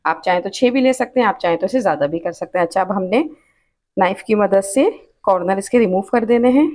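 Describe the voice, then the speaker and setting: A woman with a Pakistani Urdu accent hosting a cooking channel, calmly explaining each step of a recipe and repeating her tips. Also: mid-range voice, brisk. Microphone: off-camera voice over hands-only cooking shots.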